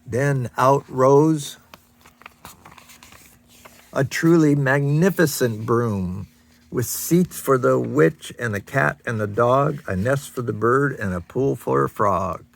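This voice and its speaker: Grandfather reading aloud to a child, average pitch, gravelly, chatty asides. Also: slow pace. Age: older. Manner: chatty asides about the pictures. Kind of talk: reading a picture book aloud.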